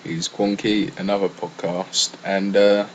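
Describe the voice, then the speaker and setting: Casual solo podcaster: young English man, lowish voice, loose, rambling delivery with lots of fillers. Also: level tone, unhurried, slight background noise, poor audio. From England. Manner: rambling, chatty, with frequent fillers and restarts. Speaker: gaming podcaster.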